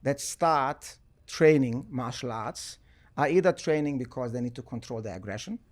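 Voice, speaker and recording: A man's voice: mid-range voice, normal speed. A man from Germany, a podcast guest telling stories in a casual interview, often tagging his sentences with "right?". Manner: relaxed storytelling, peppered with "right?" and "you know". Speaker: podcast guest, sports entrepreneur.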